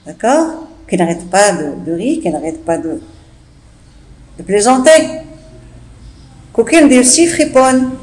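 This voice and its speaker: Patient teacher explaining slowly. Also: mid-range voice. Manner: patient, repetitive, checks understanding often. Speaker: French teacher. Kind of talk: explaining a text to pupils. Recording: echoey room.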